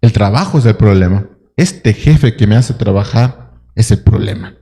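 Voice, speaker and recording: A man's voice: fairly low pitch, moderate pace, vocal fry, dark tone. A man preaching a sermon as pastor, dramatizing a story and throwing rhetorical questions at his congregation. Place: church hall. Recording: long church hall reverb.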